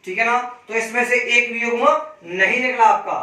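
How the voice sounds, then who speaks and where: A man teaching a reasoning class, spelling out letters slowly and asking students questions he then answers himself. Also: very high-pitched, steady tone, pushed and bright, far from the mic. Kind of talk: classroom lesson. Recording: echoey room, voice from off-mic.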